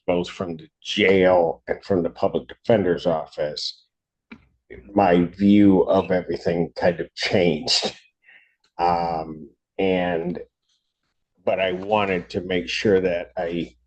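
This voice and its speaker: A man serving as judge in a court hearing, speaking carefully and apologetically with many pauses and restarts. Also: sits low, a little mellow, muffled recording. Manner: apologetic, measured.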